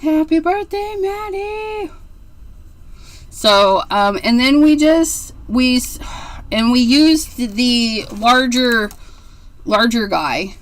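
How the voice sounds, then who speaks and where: Hosting a casual card-making livestream, a woman in her forties chats, rambles, and gushes over cute things. Her voice is high-pitched and animated, and her pace is slow.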